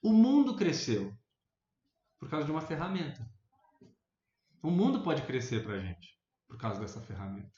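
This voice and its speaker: A man with a Brazilian accent making his points in a casual debate, thinking aloud with restarts and sudden animated rises in pitch. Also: fairly quick, pauses often. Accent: Brazilian Portuguese. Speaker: debate panelist. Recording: echoey room, dull lo-fi sound.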